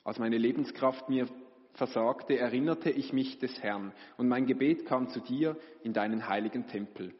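A man with a mid-range voice reads scripture slowly and solemnly. The recording has a long hall reverb and a muffled, lo-fi tone. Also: mid-range voice. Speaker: scripture reader. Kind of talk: liturgical Bible reading. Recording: reverberant hall, dull lo-fi sound.

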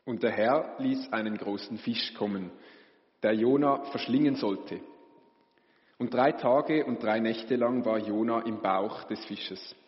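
A man's voice: lowish voice, unhurried. Man reading scripture solemnly in a hall. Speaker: scripture reader. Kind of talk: liturgical Bible reading. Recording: reverberant hall, dull lo-fi sound.

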